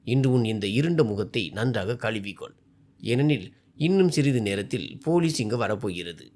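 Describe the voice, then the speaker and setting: A man's voice: medium pitch, expressive, moderate pace, a little mellow, voice pushed down, close to an everyday voice. A man voicing a spiteful young sister-in-law who taunts and sneers in a told story. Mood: taunting.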